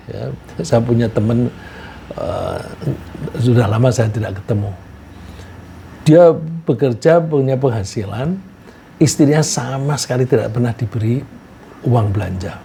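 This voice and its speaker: A man giving a religious lecture, reciting Arabic verses and explaining them in a relaxed, conversational way with anecdotes. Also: mid-range voice, gravelly, slight background noise. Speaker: Islamic preacher.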